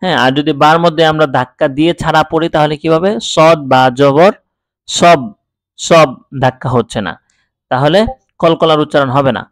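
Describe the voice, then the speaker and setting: A Bangladeshi man teaching Quran reading, slowly spelling out letters and repeating each word clearly. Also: a little high, fairly even intonation, fairly bright tone, no echo. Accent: Bangladeshi Bengali. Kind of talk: step-by-step recitation lesson.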